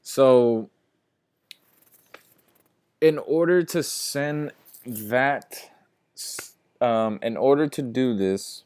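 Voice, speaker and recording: A man's voice: mid-range voice, a little mellow, smooth. A man teaching a programming class, walking through code step by step in a casual, repetitive way, sleepy and yawning. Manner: casual, talks to viewers as guys, repeats steps slowly. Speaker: instructor.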